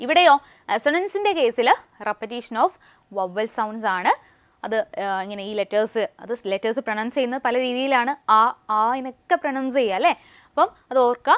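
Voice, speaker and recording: High-pitched Malayali woman teaching. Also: a bit bright, no echo. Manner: quizzing, reads English definitions slowly. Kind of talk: online class lesson.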